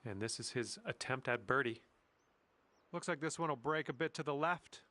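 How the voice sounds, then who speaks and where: A man calls a round of golf in calm, casual play-by-play, dropping quiet, low-key remarks between shots at a moderate pace.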